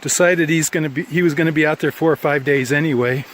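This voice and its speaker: A man's voice: on the high side, steady tone, quick pace, a bit bright. Tired male hiker, outdoor handheld vlog, rambling and plain-spoken, faint background hiss. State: tired after a long hike. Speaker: hiker filming a trail vlog. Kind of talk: casual spoken trail diary. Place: outdoors on a mountain trail.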